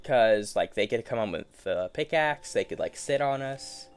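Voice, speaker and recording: A man talking to himself in a loose, rambling way. His pitch moves around a lot. He sounds playful and easily amused, with faint music under his voice. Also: expressive, normal speed, smooth. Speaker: gaming streamer. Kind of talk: casual solo commentary.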